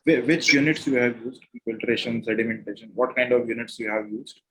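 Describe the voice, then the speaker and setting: A man with an Indian accent acts as a mock interviewer, asking questions and giving feedback while switching between two languages. His mid-range voice is a little fast on a rough recording, and he is instructive, repeating and rephrasing questions and advice.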